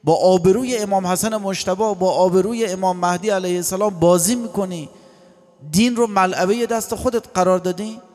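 A man giving a lively religious lecture, quoting scripture and acting out short dialogues. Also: high-pitched, soft background music. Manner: animated, acts out voices and quotes scripture. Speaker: cleric. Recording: long hall reverb.

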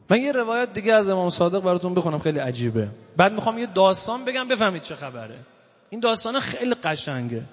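A man preaches a sermon in a mosque hall. His voice sits high for a man, and his delivery swings from loud exclamations to slow, soft recitation. The recording sounds dull and carries a long, lingering reverb. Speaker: cleric preacher.

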